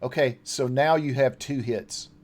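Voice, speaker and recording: A man's voice: medium pitch, fairly even intonation, a little slow, darkish tone. A man acting as game master, running a tabletop role-playing game.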